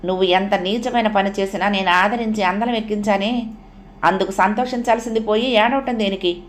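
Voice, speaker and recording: A woman's voice: medium pitch, steady tone, brisk, a little hiss or hum, lightly acted. A woman voicing a bitter, proud rich young man who speaks coldly and scornfully in a storybook reading. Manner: cold, cutting, scornful.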